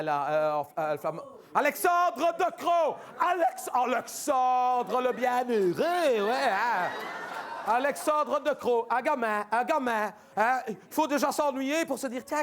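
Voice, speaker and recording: A man's voice: sits high, lively intonation, moderate pace, a bit bright. A man playing a fretful, chatty middle-aged housewife and mother in a comic stage monologue, rambling and grumbling over and over. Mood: exasperated. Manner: rambling, repetitive, exasperated grumbling.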